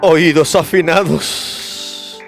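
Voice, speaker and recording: A man preaching a fervent sermon at a church service, swinging from soft asides to loud, drawn-out shouts and calling out to listeners by name. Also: a little high, fairly even intonation, vocal fry, faint music behind. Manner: repeats key phrases and calls out to listeners by name. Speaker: pastor.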